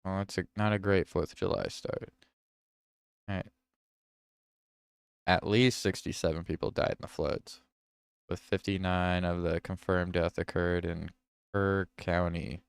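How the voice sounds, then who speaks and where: A man's voice: low-pitched, level tone, measured pace, gravelly, pauses often, clear, resonant tone, no echo. A man hosting a livestream, reading news headlines aloud and reacting to them, with self-corrections. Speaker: livestream host.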